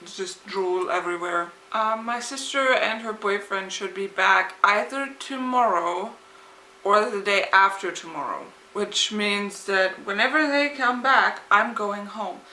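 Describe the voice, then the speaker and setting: A young woman chats casually and rambles for a vlog, her articulation slightly impeded and lisping as if her tongue were swollen. Her mid-range voice is sharp in tone and a little slow, and the recording sounds echoey and roomy.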